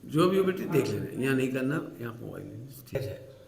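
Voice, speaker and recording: A man's voice: medium pitch, big pitch swings, brisk, gravelly. A man giving a sermon as a Jain preacher, telling stories and acting out a scolding mother-in-law and a cheeky child, often asking the audience questions. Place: hall. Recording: echoey hall.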